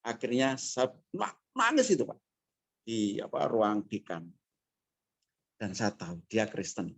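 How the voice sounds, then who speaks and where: A man giving a fiery motivational talk as a guest speaker, telling stories emphatically and swinging between quiet asides and loud bursts over a video call. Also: on the low side, huge pitch swings, measured pace, vocal fry.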